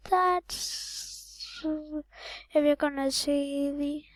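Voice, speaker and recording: Slow, high-voiced woman narrating her game. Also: steady tone, no room sound, low-quality recording. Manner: halting, repeats words, counts aloud. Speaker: gaming channel host. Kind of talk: casual gameplay commentary.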